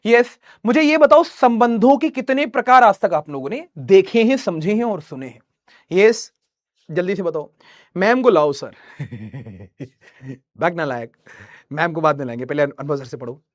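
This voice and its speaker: A man's voice: sits high, expressive, measured pace, no echo, studio quality. A young man teaching math live online, teasing students and reading their chat messages.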